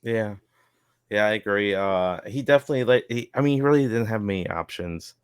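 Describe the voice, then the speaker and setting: Male podcast co-host, casual recap chat, filler-heavy; smooth, low voice, dry. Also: lively intonation, brisk, no room sound. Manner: rambling, lots of fillers and chuckles.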